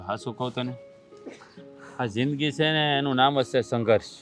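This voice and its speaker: A supportive, philosophizing village friend, played by an actor speaks at an ordinary pitch. He urges and consoles in a rural family drama, with faint music behind. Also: normal speed, fairly bright tone, natural voice. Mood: consoling. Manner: philosophizing, urging.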